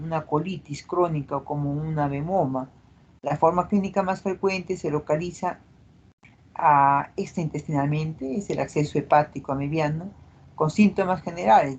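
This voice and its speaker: A woman's voice: low voice, normal speed, a little mellow, breathy edge, highs cut off. A middle-aged woman doctor, lecturing a class and checking in with tag questions. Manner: explanatory, frequent tag questions.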